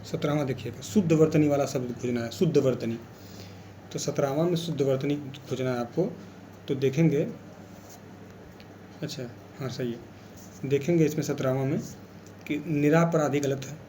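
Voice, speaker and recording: A man's voice: medium pitch, fairly quick, dark tone, a little hiss or hum. A man teaching an exam revision lesson, explaining patiently and repeating key words as he goes.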